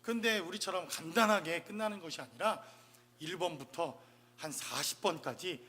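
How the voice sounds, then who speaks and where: Bright high-voiced male pastor preaching. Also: moderate pace, breathy edge. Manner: preaching with rhetorical questions to the congregation. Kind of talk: sermon.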